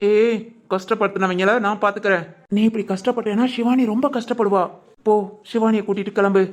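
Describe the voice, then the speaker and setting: A performer voicing a protective young male hero with a southern Tamil Nadu accent in an animated family drama, scolding firmly. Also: mid-range voice, brisk, lightly acted. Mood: reassuring. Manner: firm, scolding, then gentle and reassuring.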